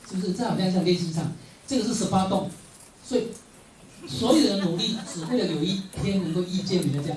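Middle-aged Taiwanese motivational speaker, lively storyteller, laughs a lot, echoey hall from a distant mic. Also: male voice, sits high, a little hiss or hum. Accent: Taiwanese Mandarin. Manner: animated storyteller, often laughing, emphatic repetition. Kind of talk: motivational speech.

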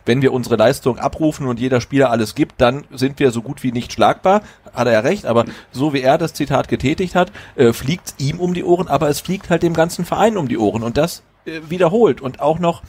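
A man's voice: mid-range voice, a little fast, few pauses, darkish tone, slightly rough. A man co-hosting a football podcast, giving his opinion firmly in casual talk with many hesitations and fillers. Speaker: podcast co-host.

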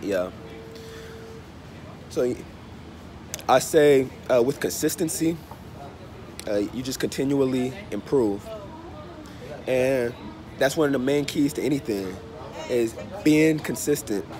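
Crowd noise surrounds a sick, stuffy-nosed man in his thirties as he vlogs his travels, talking casually into a phone at arm's length at medium pitch. Slow and repetitive in his phrasing, he sits in an open-fronted hostel bar or cafe beside busy, noisy traffic.

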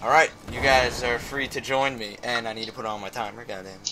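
A man's voice: mid-range voice, level tone, brisk, noisy background. A man hosting a let's play, chatting casually with friends as he games. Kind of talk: casual gaming commentary with friends. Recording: clear game ambience behind voice.

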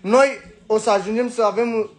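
A young man from Romania, a rapper, delivering a heated, insulting rant that swings between shouting and muttering. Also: high-pitched, steady tone. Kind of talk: angry rant to camera.

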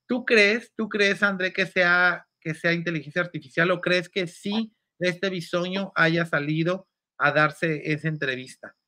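A campy, exclamatory man hosts a gossip chat. His voice sits high and sounds bright and sharp. He reads viewer comments aloud with flair. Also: a little slow. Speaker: show host.

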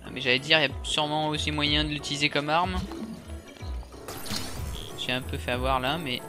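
A man's voice: on the high side, fairly even intonation, moderate pace. A man with a French accent casually commenting on his video game as he plays, reacting aloud and talking to the enemies. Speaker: video game let's player. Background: game music.

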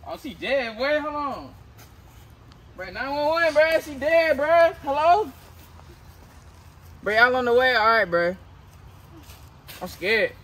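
A man playing a nervous teenage boyfriend in a homemade drama, talking in an excitable, slangy way. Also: mid-range voice, brisk, long pauses, breathy edge, recorded from a distance, lightly acted. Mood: panicked.

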